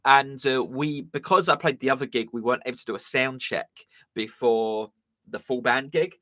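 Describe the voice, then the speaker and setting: Hosting a live stream, a young musician from southern England rambles through casual chat full of ums and uhs. He speaks at a moderate pace in a mid-range, bright, forceful voice that sounds a bit strained, and the recording is dry.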